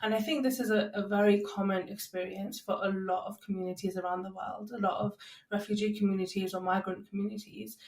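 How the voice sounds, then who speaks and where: A woman hosting a podcast, asking measured, thoughtful questions. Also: mid-range voice. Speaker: podcast host. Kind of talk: interview questions. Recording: roomy echo.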